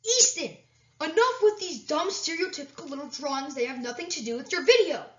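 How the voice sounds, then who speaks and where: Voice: sits high, normal speed, recorded from a distance, voice pushed up, close to an everyday voice. A narrator voicing an indignant heckler in a comic video, whiny and exclaiming. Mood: exasperated. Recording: roomy, muffled lo-fi recording.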